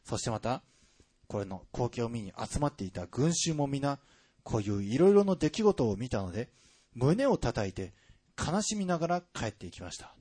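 A man's voice: mid-range voice, very animated, moderate pace, dark tone, husky. A man preaching a sermon, speaking expressively with frequent rising emphasis and conversational asides to the congregation. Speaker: pastor.

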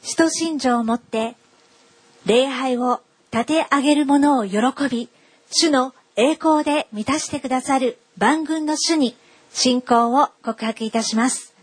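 A woman leads worship with a fairly high, slightly husky voice. She reads scripture at a slow, measured and formal pace. The sound is dry and close. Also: no echo. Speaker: worship leader. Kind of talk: liturgical reading.

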